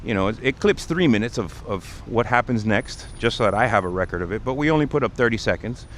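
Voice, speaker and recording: Speaking quickly and animatedly in a fairly low, fairly bright voice, a man hosts a casual livestream from a city street. He explains things in a conversational manner while traffic, passing vehicles, and urban sounds fill the background.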